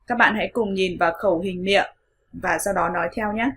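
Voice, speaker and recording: A Vietnamese-speaking woman teaching English pronunciation in an online lesson, modeling each sound slowly and repeating words for learners. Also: mid-range voice, fairly bright tone. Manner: slow, clear modeling of sounds with repetitions.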